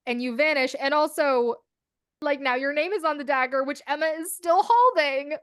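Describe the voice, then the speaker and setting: Young woman, casual podcast chat, animated quoting, bit high-pitched, dead-dry recording. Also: moderate pace, no room sound. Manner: animated, acts out quotes, swears freely. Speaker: podcast co-host.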